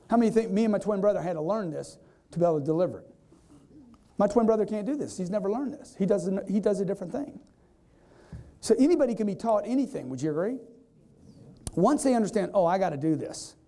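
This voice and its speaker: A man giving an energetic live sales seminar, quizzing the audience and acting out customers in quoted voices. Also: high voice. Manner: energetic, repetitive, keeps quizzing the crowd. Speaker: sales trainer.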